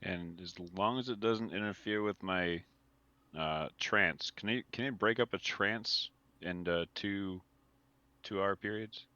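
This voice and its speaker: A man's voice: low-pitched, a little slow, bright, forceful tone, dry recording. A man playing a tabletop game who hesitantly asks questions about his character. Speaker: player. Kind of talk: tabletop role-play. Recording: slightly dull sound.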